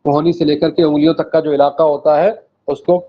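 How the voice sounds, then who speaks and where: A man's voice: fairly high pitch, little pitch movement. Man teaching a language class, lo-fi sound. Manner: explains word by word, repeats, checks with "okay". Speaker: Arabic teacher. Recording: dull lo-fi classroom recording.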